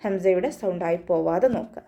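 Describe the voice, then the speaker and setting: Mellow-voiced woman teaching Quran recitation. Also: fairly low pitch. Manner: patient step-by-step instruction, chanting sample verses slowly between explanations. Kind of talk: online tajweed lesson.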